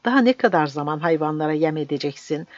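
A narrator voicing a fierce, bearded village priest in his seventies, praying and defying an officer in a raised, higher voice. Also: animated, fast, dry recording, natural voice. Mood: pleading prayer. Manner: pleading, defiant, raised and higher voice. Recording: dull dry recording.

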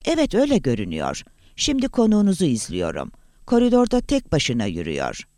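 A man's voice: a little high, huge pitch swings, brisk, darkish tone, no room sound, studio quality. A man voicing a reluctant male security guard who reports what he sees step by step. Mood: uneasy. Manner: matter-of-fact, reporting step by step.

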